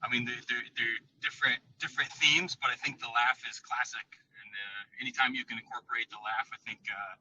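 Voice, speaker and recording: A man's voice: mid-range voice, steady tone, brisk, few pauses, bright, forceful tone, husky, muffled recording. A man calling in from his car over a spotty mobile line, chatting casually and rambling with many fillers. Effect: calling in from a moving car over a spotty mobile connection. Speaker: podcast guest, contest entrant. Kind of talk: casual chat. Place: car while driving.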